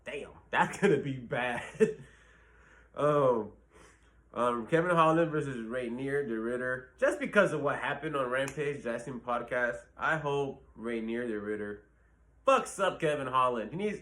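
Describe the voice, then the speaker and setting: A man's voice: medium pitch, fairly bright tone. A man hosting his own channel, giving blunt, profane fight predictions in a rambling casual talk full of fillers. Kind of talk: casual solo commentary.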